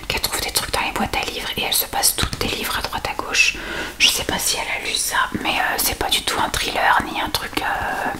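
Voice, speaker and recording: A woman speaks in a soft, hushed library whisper, chatting casually about books and reading aloud in an unhurried ASMR style. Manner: unhurried, reads blurbs aloud between casual remarks. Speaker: ASMR host showing books. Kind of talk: whispered ASMR book chat.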